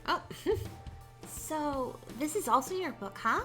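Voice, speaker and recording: A woman's voice: sits high, expressive, takes it slowly, sharp tone. A woman game streamer in casual, giggly livestream chat, with faint game music behind.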